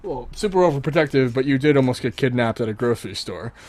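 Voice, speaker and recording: A man's voice: mid-range voice, expressive, fast, a little mellow. A young man co-hosting a casual podcast, teasing and laughing often as he talks with a friend. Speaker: podcast co-host. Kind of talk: casual chat. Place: home, on a call.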